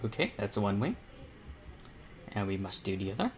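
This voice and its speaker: Soft background music plays beneath a fairly low, sing-song male voice at normal speed. The speaker, a teenage or young adult self-taught artist hosting a painting panel, gives casual live commentary as he paints, rambling a bit and repeating himself in an encouraging, informal tone.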